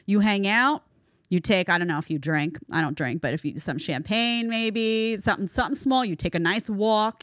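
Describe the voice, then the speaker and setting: A woman's voice: medium pitch, fairly bright tone, no echo, studio quality. A woman hosting a social commentary podcast, talking emphatically and with strong opinions. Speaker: podcast host.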